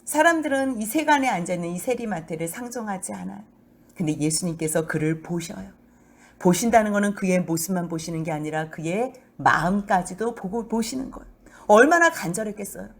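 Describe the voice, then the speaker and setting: A middle-aged woman pastor giving a sermon in a church, telling the story with lively acted-out voices. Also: mid-range voice, a little fast. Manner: animated storytelling, acting out voices of mockers.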